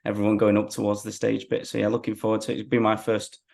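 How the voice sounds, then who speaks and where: A man's voice: lowish voice, monotone, fast talker, creaky, a little mellow. A man, chatting casually as a football fan being interviewed.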